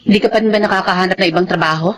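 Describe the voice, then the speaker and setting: A woman's voice: lowish voice, steady tone, very fast, slight background noise, lightly acted. An actress playing a worried, exasperated wife and mother, poor and complaining, in a Filipino radio drama. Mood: urgent worry. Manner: exasperated, plaintive.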